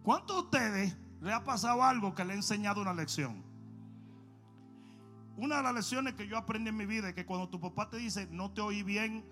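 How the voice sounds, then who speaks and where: Preacher guy, high voice all over the place, shouts then drops low, music faint behind. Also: expressive, brisk. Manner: acts out voices, swings between shouting and low asides. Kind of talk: animated sermon with acted-out stories.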